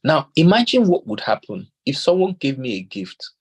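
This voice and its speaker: A man's voice: on the high side, normal speed, husky. A Nigerian man giving a talk on parenting, telling stories, quoting scripture and acting out the dialogue. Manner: animated storyteller acting out quoted dialogue. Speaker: speaker on parenting.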